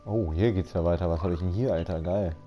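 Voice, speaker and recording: A man's voice: sits low, quick pace, lo-fi sound, faint music behind. A man chatting casually while playing a game, slangy and laid-back, often saying "Alter". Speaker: Let's Play commentator. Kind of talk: casual gaming chat.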